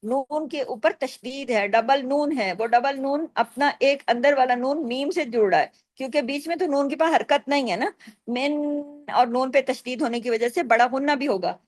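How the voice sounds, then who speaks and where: A woman's voice: sits high, normal speed, few pauses, no room sound. A woman teaching Quran recitation rules, explaining step by step and stretching out the recited examples. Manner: patient, explains step by step, asks and answers her own questions. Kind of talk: tajweed lesson with recited examples.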